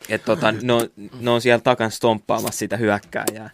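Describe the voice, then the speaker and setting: A man's voice: fairly low pitch, level tone, slight background noise. A young man co-hosting a podcast in casual chat, rambling and swearing offhandedly. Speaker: podcast co-host.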